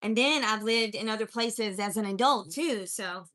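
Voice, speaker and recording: Bright-voiced woman hosting a faith livestream. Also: medium pitch, normal speed. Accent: mixed accent from many places. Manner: earnest, encouraging, reads out viewer comments. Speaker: spiritual life coach and live-stream host. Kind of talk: live-stream chat greeting viewers and preaching.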